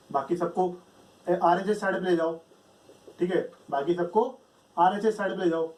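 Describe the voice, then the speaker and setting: A man's voice: high voice, distant mic, rough recording. A man teaching a math lecture, explaining step by step and asking and answering his own questions.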